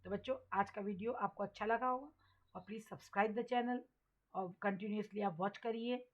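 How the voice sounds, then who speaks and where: A woman with an Indian accent teaching English pronunciation to beginners, repeating words slowly and talking to viewers as children. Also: mid-range voice, dull audio. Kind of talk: classroom-style lesson for beginners.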